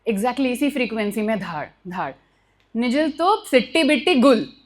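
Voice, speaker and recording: A young woman telling a true personal story at a live storytelling session, animated and mixing in English phrases, acting out noises with sound words. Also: fairly high pitch, moderate pace. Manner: mixes Hindi with English phrases.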